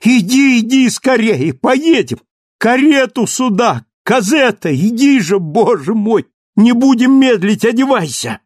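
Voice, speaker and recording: A man voicing a frantic, passionate young man who shouts in impassioned outbursts in an audiobook reading. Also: very high-pitched, sing-song, a little slow, dry recording, clean studio sound, voice pushed up, heavily acted. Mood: frantic excited.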